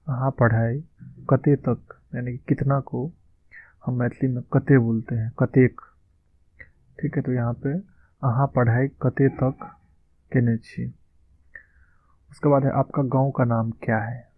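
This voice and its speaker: Man, language teacher, slow model sentences, monotone, tinny dry sound. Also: medium pitch, no echo. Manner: slow, careful model sentences with repeated words. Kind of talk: spoken language lesson.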